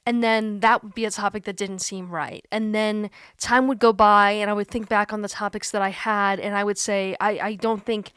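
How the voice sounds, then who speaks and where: A woman in her thirties talking candidly to camera from a creaky chair at home, earnest and self-deprecating, laughing at herself now and then. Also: mid-range voice, flat delivery, normal speed, hardly any pauses, fairly bright tone, dry recording, clean studio sound. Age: 30s. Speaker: YouTuber. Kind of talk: candid reflective monologue.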